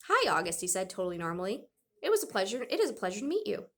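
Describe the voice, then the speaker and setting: A woman voicing a kind, calm male school principal in a storybook read-aloud. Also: mid-range voice, very fast. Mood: friendly. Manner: kind and even.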